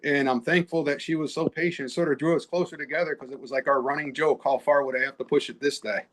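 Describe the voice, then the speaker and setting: A man's voice: on the high side, steady tone, quick pace. Matter-of-fact man explaining old cars. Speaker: co-host, car expert. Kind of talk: casual chat.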